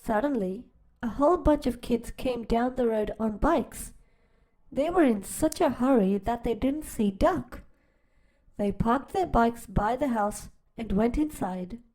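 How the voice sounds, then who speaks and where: A woman reading a children's picture book aloud, unhurried and slow. Her pitch is on the high side and moves a lot, rising and falling with the story. She asks gentle, teacher-like questions between pages. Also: expressive. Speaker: storytime channel host.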